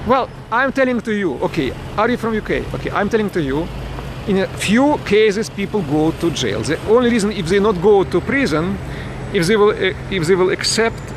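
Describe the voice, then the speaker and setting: Speaking at a moderate pace, this Ukrainian father sounds high-pitched and animated as he streams a protest live from a busy street. He replies to viewers in halting English, often starting his sentences over. Traffic noise fills the outdoor phone recording.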